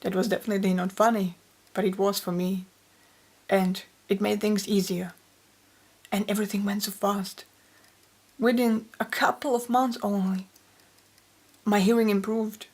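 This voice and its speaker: A woman, a poet telling her personal story in an interview, gentle and reflective. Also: mid-range voice, level tone, moderate pace, pauses often. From Austria. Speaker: poet and author.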